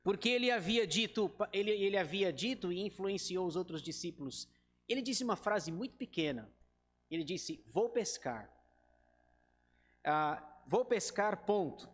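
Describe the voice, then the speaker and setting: A man's voice: high-pitched, expressive, a little slow, in a large hall. A male pastor with a Brazilian Portuguese accent teaching a Bible study in a conversational way, talking to the group and acting out quoted lines. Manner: talks to the group directly and acts out quoted speech.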